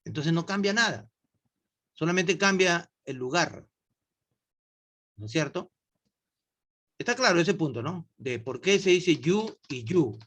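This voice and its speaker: A man teaches an online English class, explaining grammar slowly and patiently. His voice is bright and a little high for a man. He keeps checking in with his students as he goes. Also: animated. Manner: slow, patient, asks students questions.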